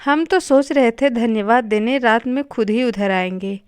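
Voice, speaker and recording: A woman's voice: fairly high pitch, moderate pace, darkish tone, clear, resonant tone, no echo, studio quality, natural voice. A woman reading a novel aloud, voicing a hearty, joking middle-aged male doctor. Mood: jovial.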